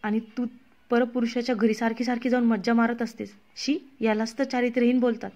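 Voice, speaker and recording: A woman voicing a jealous young woman who accuses and threatens her rival in a sharp, scornful way. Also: on the high side, steady tone, a little fast, lightly acted. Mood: angry.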